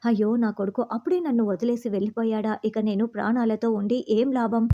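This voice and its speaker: A woman's voice: fairly high pitch, fairly quick, dark tone. A woman reading a pleading worried mother. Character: anxious grieving mother, middle-aged woman. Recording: slightly dull recording.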